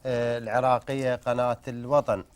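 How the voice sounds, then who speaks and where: A man's voice: medium pitch, flat delivery, brisk, clean tone. A man from the southern Iraqi desert with a Bedouin Arabic accent, talking as a guest in a conversational interview. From southern Iraqi desert around Samawah. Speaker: guest, tribesman and amateur Nabati poet.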